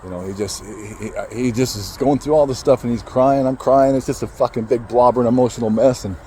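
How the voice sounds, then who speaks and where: A man telling a painful personal story in a halting, emotional way, cursing casually and restarting his sentences as he goes. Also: medium pitch, warm tone, slight background noise, low-quality recording. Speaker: motivational speaker.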